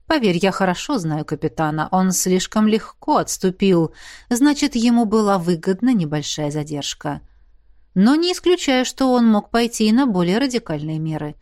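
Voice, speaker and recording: A woman voicing a sly, confident male dragon colonel in a storybook reading, speaking calmly and knowingly. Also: medium pitch, normal speed, no echo, clean studio sound, close to an everyday voice. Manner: calm, knowing, persuasive.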